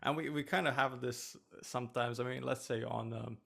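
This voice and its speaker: A man from Romania, a flight attendant and host, chatting casually with a relaxed, storytelling manner. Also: mid-range voice, normal speed, creaky, a crowd in the background. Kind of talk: casual chat.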